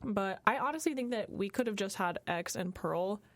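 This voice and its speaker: A woman's voice: mid-range voice, expressive, moderate pace, no room sound. A young woman co-hosting a college radio film show, talking casually with lots of fillers. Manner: chatty, many fillers like um and like. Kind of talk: casual film review chat.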